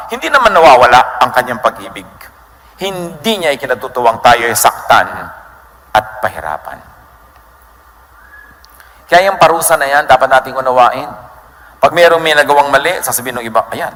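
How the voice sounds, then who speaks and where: Filipino pastor preaching in an echoing hall. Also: male voice, medium pitch, fairly bright tone. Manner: mixes Tagalog and English, quotes scripture with wide dramatic swings. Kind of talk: sermon. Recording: long hall reverb with faint noise.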